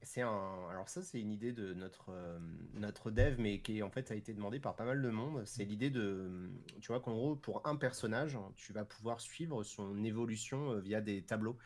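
A man, a developer of a role-playing tool, explaining its features in casual interview chat, relaxed, with many fillers and restarts. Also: fairly low pitch, normal speed, few pauses.

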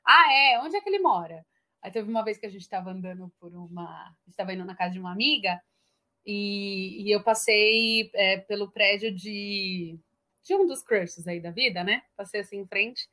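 A woman with a Brazilian Portuguese accent in casual chat, a lively storyteller who laughs often. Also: mid-range voice, normal speed.

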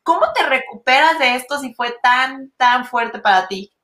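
Chatty woman co-host, bright and high voice. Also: animated, normal speed. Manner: chatty, laughing, shares own stories. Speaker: podcast co-host. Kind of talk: casual interview chat.

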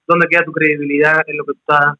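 A Cuban man with a high, piercingly bright voice who explains things in an easy, conversational way. His tone is sharp and forward. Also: level tone, quick pace, rough recording. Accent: Cuban Spanish. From Cuba. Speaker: YouTuber guest. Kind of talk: casual chat.

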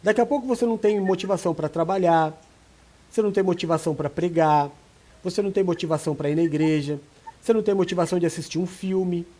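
High-voiced, animated pastor. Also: male voice. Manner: animated, acts out quoted voices. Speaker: pastor and co-host. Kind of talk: casual advice chat on relationships.

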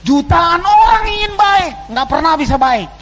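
A man preaching a sermon to his congregation, swinging between loud exclamations and quiet asides. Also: extremely high pitch, very animated, moderate pace, low-quality recording. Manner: addresses the congregation as "saudara". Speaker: pastor. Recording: faint background noise and hum.

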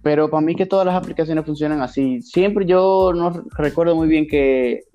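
A man's voice: on the high side, moderate pace, mellow, lo-fi sound, faint music behind. A young man with a Dominican accent in casual chat, explaining things with slangy, acted-out examples.

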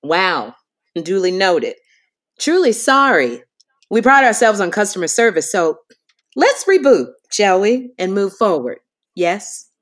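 Woman playing an officious, lively customer service agent. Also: mid-range voice, slow. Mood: politely officious. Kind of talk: scripted comedic phone-call drama.

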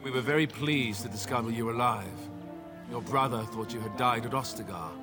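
A man's voice: mid-range voice, brisk, close to an everyday voice. A man acting a solemn, kingly king over music. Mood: regal, formal. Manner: kingly, formal public oratory. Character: solemn newly crowned king giving a funeral eulogy. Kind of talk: scripted video game cutscene speech. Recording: game audio with music behind.

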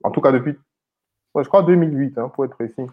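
A man's voice: medium pitch, quick pace. A man from Cameroon in his thirties, an IT consultant and founder, talking casually as an interview guest with many fillers and repeated words. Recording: slightly dull lo-fi audio.

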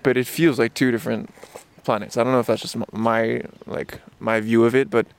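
Outdoors in a park, this interview guest in his twenties talks fairly quickly in a smooth, medium-pitched voice with little pitch movement. Born in Japan and raised in Luxembourg and Barcelona, he keeps the conversation casual, stumbling through fillers and restarts.

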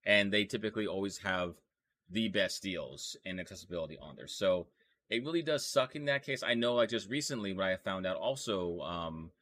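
A man's voice: sits low, expressive, normal speed, fairly bright tone. A man hosting a casual anime news podcast, rambling with fillers and restarts as he talks. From Texas. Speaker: podcast host.

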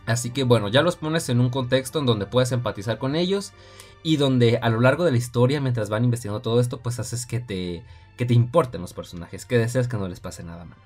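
A man's voice: mid-range voice, a little fast, a little mellow, soft background music. A man with a Mexican accent hosting a casual film review podcast, talking chattily and often addressing his listeners directly. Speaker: podcast host.

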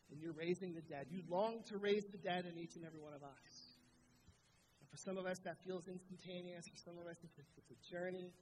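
A man's voice: high voice, steady tone, a little fast, darkish tone, big-room sound, slight background noise, rough recording. A man pastor giving an earnest Easter sermon and prayer to his congregation. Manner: earnest, rising and falling emphasis. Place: church sanctuary.

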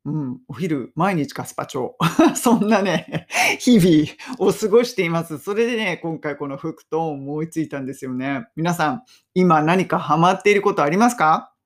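Lively chatty woman teaching English phrases. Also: deep voice. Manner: chatty and upbeat, laughs often, slow English drills. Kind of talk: casual podcast lesson.

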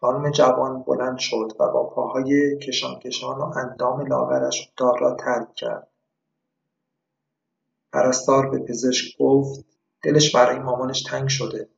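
A man reading a short story aloud with measured, reflective narration. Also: mid-range voice, level tone, creaky, distant mic. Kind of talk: scripted narration. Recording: echoey room, dull lo-fi.

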